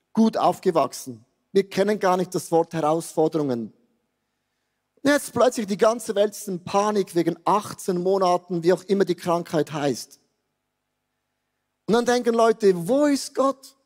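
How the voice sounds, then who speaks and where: A man in his fifties with a Swiss German accent preaching a sermon, animated and joking, dropping to quiet asides and rising to exclamations. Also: high voice. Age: 50s. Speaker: pastor. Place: large church hall. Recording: long hall reverb.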